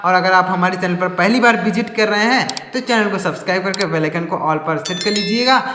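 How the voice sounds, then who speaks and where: A man's voice: high voice, a bit bright. A man teaching English vocabulary in Hindi, repeating each word and quizzing the viewer, pointing at words on a board. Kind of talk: Hindi-language English lesson. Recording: echoey room with long reverb.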